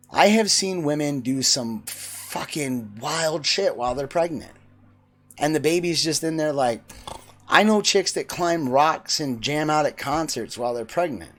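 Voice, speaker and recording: A man's voice: medium pitch, fairly bright tone. A man in his forties giving a blunt, profane, preachy monologue. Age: 40s. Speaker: vlogger. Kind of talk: opinionated monologue.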